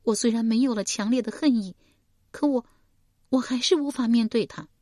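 A woman voices a grieving, vengeful young noblewoman in an audiobook, tearful and anguished. Her fairly high, dark-toned voice sits above her own register but close to everyday speech, at a moderate pace in a clean studio with no room sound.

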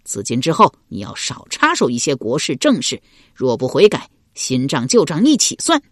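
A man's voice: medium pitch, wildly swooping pitch, normal speed, dry recording, clean studio sound. A woman voicing an angry male chancellor of an ancient court, scolding hard. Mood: stern. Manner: scolding, forceful.

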